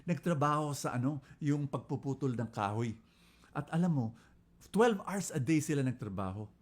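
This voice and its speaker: A man with a Filipino accent giving an inspirational talk, telling stories with lively jumps in pitch and volume and switching between Filipino and English. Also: moderate pace. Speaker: preacher.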